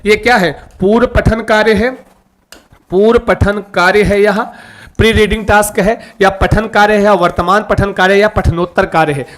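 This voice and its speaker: A man leads a live online lesson in a fairly high voice. He coaxes his students along, repeats the key terms again and again, and keeps pressing them to give an answer. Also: steady tone, normal speed, fairly bright tone. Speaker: online teacher for an exam-prep class.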